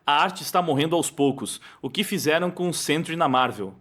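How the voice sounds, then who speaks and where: A man with a Brazilian Portuguese accent hosting a react video in casual, digressive commentary. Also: fairly quick. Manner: chatty, digressive, lively pitch swings.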